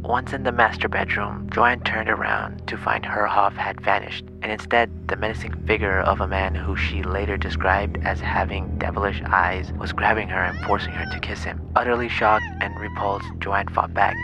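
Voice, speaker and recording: A man narrating a scripted true crime show in a suspenseful, grave and measured storytelling manner. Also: fairly low pitch, vocal fry, poor audio. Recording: music behind the voice.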